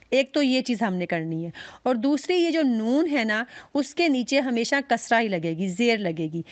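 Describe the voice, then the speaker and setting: A woman with a fairly high voice teaches a recitation class. She is patient and methodical, and she draws each example out slowly. The recording is close and dry. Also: no room sound. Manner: patient, explains step by step and drawls out the recited examples. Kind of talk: online class lecture.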